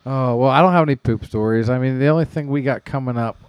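A man co-hosting a podcast in relaxed chat, laughing along. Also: mid-range voice, fast talker, clear, resonant tone, no room sound, highs cut off. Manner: laid-back, laughs along. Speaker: podcast co-host. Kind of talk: casual chat.

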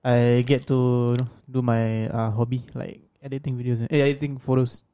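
A man with a Singaporean accent chatting casually as a podcast guest, speaking in a halting, hesitant way. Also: mid-range voice, little pitch movement, mellow, clear, resonant tone. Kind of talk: casual chat.

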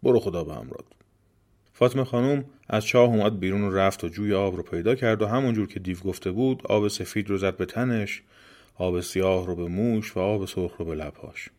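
A man narrating a folk tale as a storyteller, with gentle drama. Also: on the low side.

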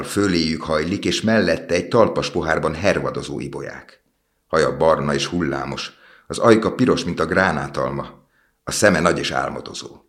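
A gentle, sorrowful prince from a storybook, imploring and selfless, voiced by a man reading aloud. His voice sits extremely low and deep, kept close to the reader's own plain tone.

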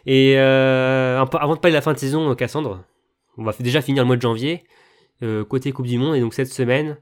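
A man hosts a casual sports podcast in a mid-pitched, everyday voice. He steers the conversation, handing over to his co-hosts. He talks in a relaxed way, pausing on fillers. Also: clean tone. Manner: hesitant, relaxed, leads the talk. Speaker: podcast host.

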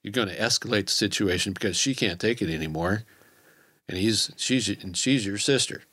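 Low-voiced wry storyteller man. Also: normal speed, fairly bright tone. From Ozarks and Kansas City. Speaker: guest trapper. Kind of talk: casual chat.

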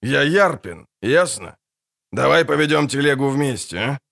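A man voicing a grumpy, foul-mouthed dwarf wagon driver in an audiobook, gruff and barking. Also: medium pitch, expressive, unhurried, fairly bright tone, no room sound, clean studio sound. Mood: grumbling. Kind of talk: audiobook character voice.

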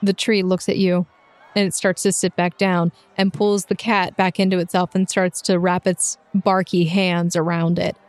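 A woman running a tabletop game, improvising descriptive narration with pauses between phrases. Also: lowish voice, level tone, no room sound. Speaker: game master. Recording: music behind the voice.

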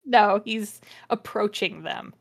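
A woman's voice: mid-range voice, takes it slowly, vocal fry. A woman co-hosting a comedy podcast, reading a fanfiction aloud with dramatic flair and frequent laughter. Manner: reads dramatically, breaks into laughter. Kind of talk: casual comedic reading and chat.

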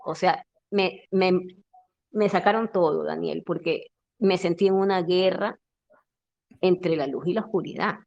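A woman's voice: lowish voice, unhurried, creaky, darkish tone, dull audio. A woman caller intensely telling a personal story and retelling dialogue. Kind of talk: emotional personal account.

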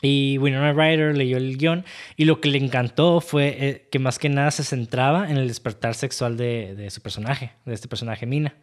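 A man with a Mexican Spanish accent chatting casually about movies on a podcast, relaxed and slangy as he recounts film trivia. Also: medium pitch, moderate pace.

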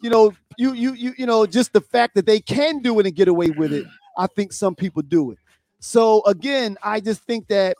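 Man, co-host, casual talk-show discussion, halting and repetitive, high voice, dry recording. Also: darkish tone, no room sound. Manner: halting, repeats words and restarts often.

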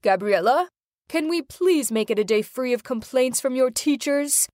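A woman's voice: high voice, animated, normal speed, a little mellow, dry recording, clean studio sound. Stern wealthy father, weary scolding, as a woman puts him on.

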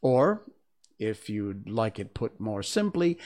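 A man's voice: on the low side, big pitch swings, takes it slowly, darkish tone. A man reading aloud and voicing an ugly old duchess who keeps drawing morals from everything, in a preachy, pompous manner, raised above his own voice.

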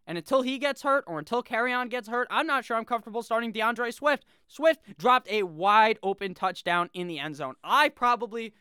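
A man's voice: very high voice, animated, moderate pace, hardly any pauses, pushed and bright, clear, resonant tone, no room sound, clean studio sound. A young man hosting a casual solo video, talking brashly with profane jokes and asides. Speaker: fantasy football video host.

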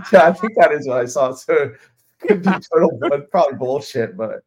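A man's voice: a little high, expressive, normal speed, slight background noise. A man co-hosting a fantasy football podcast in casual chat, easygoing and given to questions that trail off. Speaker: podcast co-host.

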